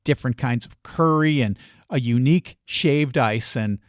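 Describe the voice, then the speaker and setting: Articulate podcast host, dry close sound. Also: male voice, medium pitch, no echo. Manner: friendly, articulate, measured. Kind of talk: podcast interview.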